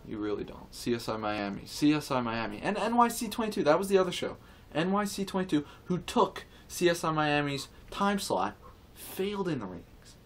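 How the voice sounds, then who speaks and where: Very animated and fairly quick with few pauses, a man with a slightly high voice delivers a casual opinion rant to camera as a vlogger. He's indignant and earnest, rambling, repeating, and restarting constantly.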